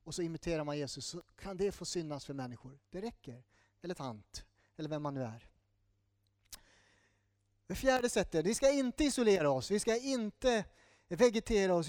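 A male pastor preaching a sermon in a church in a lively way, breaking off for quick asides and apologies. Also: high-pitched, no room sound, clean studio sound.

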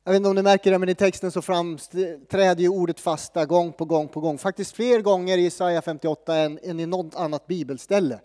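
A man preaches in a loose, joking way, often pausing mid-thought. His voice sits fairly high but sounds warm and mellow, with a long reverb that fills a church. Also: steady tone. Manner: casual, joking, with many pauses and fillers. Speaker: pastor. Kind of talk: sermon.

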